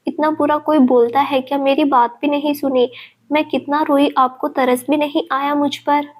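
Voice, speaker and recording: A hurt, stubborn young woman from a storybook, drunk and tearful, pleading and reproaching her lover, as a woman narrator puts her on. The voice sits high and barely moves in pitch, with the same reading tone as the narration. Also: little pitch movement, normal speed, close to an everyday voice.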